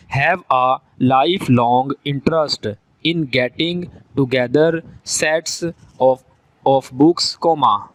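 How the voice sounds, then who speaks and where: A man dictating a text for shorthand practice in short, measured phrases, calling out the punctuation. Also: mid-range voice, no echo, rough recording.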